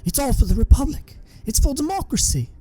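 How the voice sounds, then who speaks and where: A man's voice: very high-pitched, very animated, a little fast, dark tone, pitched above the performer's own voice. A man doing a proud, indignant Jedi master. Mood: defiant. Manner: raised, strained, indignant. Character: proud male Jedi master, turning bitter.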